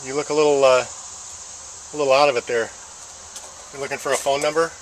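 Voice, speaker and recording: A man walking on rural roads who records a casual video diary and interviews strangers in a halting way, full of "uh" fillers. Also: medium pitch, fairly even intonation, slight background noise. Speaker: walker filming a fundraiser walk.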